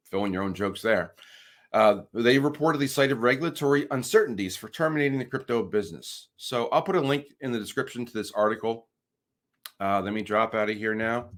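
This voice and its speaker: A man's voice: lowish voice, fairly quick, a bit bright. A man hosting a crypto channel, reading news articles aloud with wry asides and frequent restarts.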